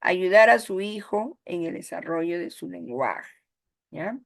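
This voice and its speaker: A woman's voice: on the low side, expressive, a little slow. A woman with a Peruvian Spanish accent, teaching a course and often checking in with "¿ya?" and "¿no?". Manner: explanatory, frequent "¿ya?" and "¿no?" checks. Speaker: course instructor. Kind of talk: online lecture.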